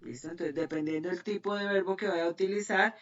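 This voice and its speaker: Her pitch on the low side and her tone steady, this woman moves at a quick pace through an online English lesson. She walks students through grammar with patience, checking comprehension with "¿sí?" and "¿listo?". The mic is distant and the sound muffled.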